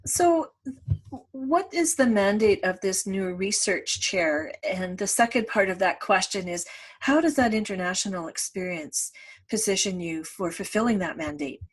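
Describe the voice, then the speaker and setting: A woman hosting a farm news podcast, opening the show and asking a guest measured questions over a remote call. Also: mid-range voice, animated, breathy edge. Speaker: podcast host. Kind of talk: interviewing a guest.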